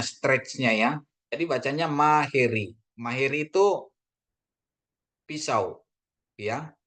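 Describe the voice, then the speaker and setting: A man from Indonesia teaching a casual Greek language lesson, slowly drawing out words for learners and addressing them politely, with many fillers. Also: mid-range voice. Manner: drawn-out repetition of words, frequent fillers; addresses listeners as ladies and gentlemen.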